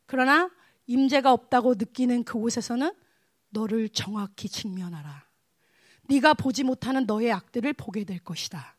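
A woman voicing God as a calm, grave, commanding presence, speaking slowly and in a low hush. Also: dry recording, clean studio sound. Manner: slow, low, hushed delivery.

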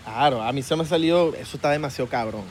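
Fast-talking Puerto Rican guy. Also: medium pitch, a little hiss or hum. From Puerto Rico. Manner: quick interjections, agreeable. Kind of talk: casual chat.

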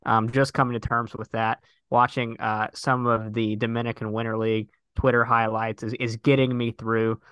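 A man's voice: medium pitch, little pitch movement, moderate pace, few pauses, fairly bright tone, clear, resonant tone, no room sound. A man hosting a sports podcast, chatting casually in an upbeat way with frequent fillers. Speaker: podcast host.

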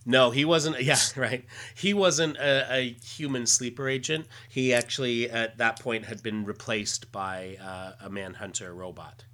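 A man hosting a casual podcast, explaining comic-book details in a halting, list-like way. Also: medium pitch, fairly even intonation, a bit bright. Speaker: podcast host.

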